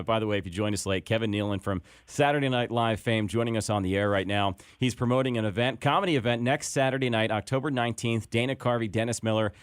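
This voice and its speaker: A sports radio host with a low, steady voice asks the guest questions and reads event details in a plain, conversational way. The studio sound is dry and close. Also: male voice, clean tone, no echo. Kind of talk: radio interview.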